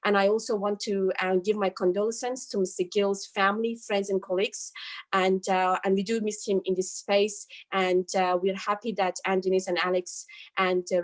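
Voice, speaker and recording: Halting woman panelist introducing herself. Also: mid-range voice. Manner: halting, many fillers and restarts. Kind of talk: seminar introduction.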